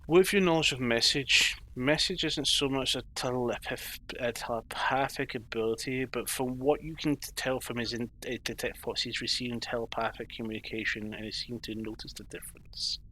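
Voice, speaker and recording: A man's voice: mid-range voice, fairly even intonation, normal speed, hardly any pauses, sharp tone, rough recording. A man acting as game master, narrating a tabletop role-playing game off the cuff and ruling on players' actions.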